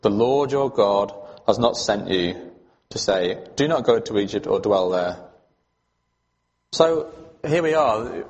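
Preacher with a hall echo. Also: male voice, on the low side, expressive, slow, long pauses. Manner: conversational, emphatic, asks the congregation questions. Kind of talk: sermon. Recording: long hall reverb.

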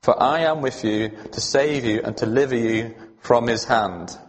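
A man preaching a sermon at a mid pitch, leaning into his points and putting questions to the congregation. His voice carries a long reverb from the hall around him. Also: normal speed. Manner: conversational, emphatic, asks the congregation questions.

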